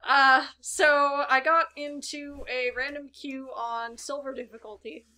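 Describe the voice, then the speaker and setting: Giggly high-voiced woman telling a gaming story. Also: flat delivery, a little slow, pushed and bright. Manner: giggly, rambling storyteller with restarts. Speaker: podcast co-host. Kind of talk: casual chat.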